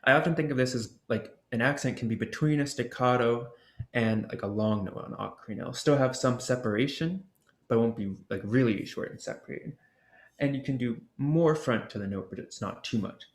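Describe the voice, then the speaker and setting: A man presenting an ocarina workshop, explaining technique in a relaxed way and sounding out the syllables as he goes. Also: mid-range voice, fairly quick. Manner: casual, explains with demonstration syllables and fillers. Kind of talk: instructional explanation. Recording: roomy echo.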